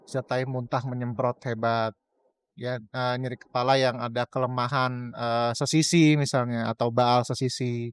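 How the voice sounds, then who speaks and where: A man, a doctor, calmly explaining headaches in an interview, pausing with fillers. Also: mid-range voice, clear, resonant tone, dry recording. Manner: even, measured, with many fillers.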